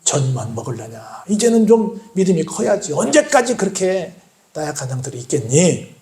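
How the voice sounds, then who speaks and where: A man's voice: high-pitched, sing-song, moderate pace, darkish tone, roomy sound. A man acting out a stern teacher rebuking his faithless followers, in an exasperated tone.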